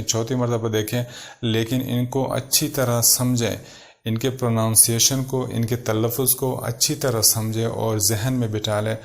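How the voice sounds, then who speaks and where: Man, English teacher, vocabulary lesson, slow repetition, mid pitch. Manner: slow, repeats each English word then gives its meaning.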